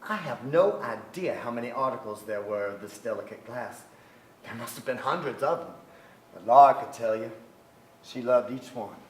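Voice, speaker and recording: In a medium-pitched, everyday-sounding voice at normal speed, an actor reads the part of a brooding, restless son wistfully recalling his family. The staged reading takes place before an audience on a theatre stage, and the recording is echoey with some noise.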